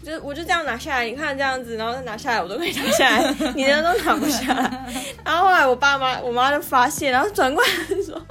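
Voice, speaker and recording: A woman, co-hosting a podcast. She tells childhood stories expressively, laughing along and reacting quickly, with music behind her. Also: high voice. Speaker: podcast co-host. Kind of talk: casual storytelling chat.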